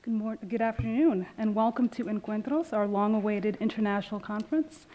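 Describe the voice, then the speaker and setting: A woman museum curator giving formal welcome remarks in an auditorium, speaking from a podium microphone and often pausing on "uh". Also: medium pitch, dark tone, lo-fi sound. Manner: formal, with frequent filler "uh"s.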